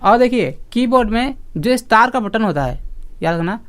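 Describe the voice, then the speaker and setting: Teaching a computer class online, a man speaks at normal speed in a high-pitched, animated, slightly bright voice. He walks through each step patiently and repeats key points, but sternly scolds students who interrupt.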